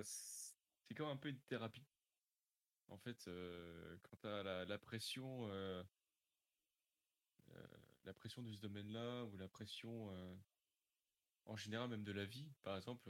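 Hesitant young man with a low voice. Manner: hesitant, many fillers, thinks aloud. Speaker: guest, sound engineer. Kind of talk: casual interview answers.

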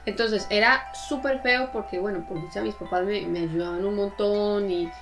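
A woman with a Costa Rican Spanish accent, co-hosting a podcast and telling stories in a lively, animated way. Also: medium pitch, moderate pace, music in the background. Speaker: podcast co-host. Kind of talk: casual chat.

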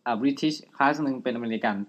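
A woman's voice: a bass voice, fairly even intonation, racing, slight background noise. A woman interviewing a fellow teacher in casual, blunt chat with offhand swearing. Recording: dull lo-fi recording.

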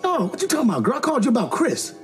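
A loud, excitable young best friend in a film scene, his voice high and swooping wildly as he argues. He swears and fires back in outrage, with film score playing underneath. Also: very fast, faint music behind, full character voice. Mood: outraged. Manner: indignant, swearing, shouting back.

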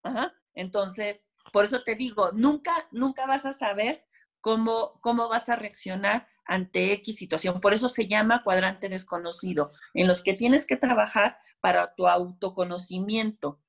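A woman's voice: medium pitch, measured pace. A woman in a casual conversation, explaining ideas and telling anecdotes from her own life. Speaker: guest speaker.

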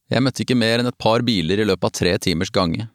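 A man narrating a novel in the first person, calm and even, as an audiobook. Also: fairly low pitch, no room sound, clean studio sound.

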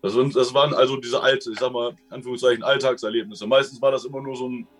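A man telling his own stories as an interview guest, rambling and colloquial, with restarts and a habit of closing thoughts with a questioning tag. His voice sits at an ordinary middle pitch, with faint music underneath. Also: fairly even intonation, fast, breathy edge. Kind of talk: casual storytelling.

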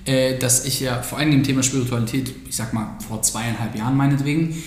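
A man from Germany with an average-pitched voice hosts a relaxed podcast chat. He asks probing, practical questions in a conversational way, often restarting his sentences. The room around him sounds echoey. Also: fast talker.

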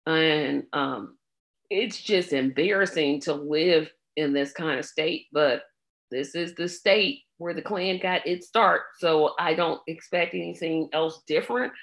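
A woman with a scratchy throat commenting on an election in a casual, blunt way. She speaks very slowly, with a somewhat low voice. She sounds exasperated and leans on filler ums between thoughts. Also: creaky. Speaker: political commentator.

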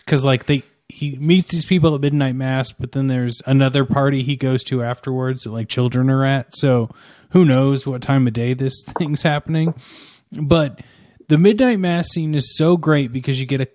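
A man hosting a podcast, asking his guests questions and chatting in a lively, laughing way. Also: mid-range voice, normal speed, dry recording, studio quality. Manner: lively, laughing, animated storytelling. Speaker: podcast host. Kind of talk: casual podcast chat.

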